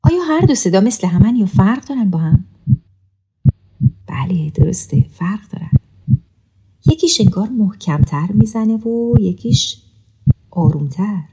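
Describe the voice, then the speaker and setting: A woman's voice: mid-range voice, animated, background noise. A woman narrating a music lesson in a patient, explaining way, chanting rhythm patterns aloud. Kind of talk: scripted educational narration.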